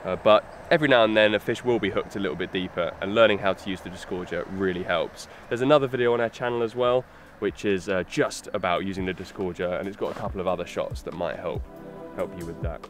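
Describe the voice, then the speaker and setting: A young man giving a lakeside fishing tutorial, explaining steps in a relaxed way with fillers as he handles his gear. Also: low voice, fast talker, few pauses, faint music behind. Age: young adult. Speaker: fishing instructor. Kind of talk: outdoor tutorial demonstration. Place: lakeside outdoors. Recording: faint outdoor noise.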